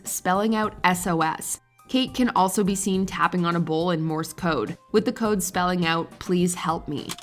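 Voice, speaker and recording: A woman reading a scripted countdown narration in an even, measured way. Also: on the low side, soft background music.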